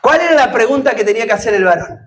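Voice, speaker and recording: A man's voice: very high voice, expressive, rapid-fire, a bit bright, slight background noise, low-quality recording. A man preaching a sermon, putting questions to the congregation and joking with them. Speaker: pastor.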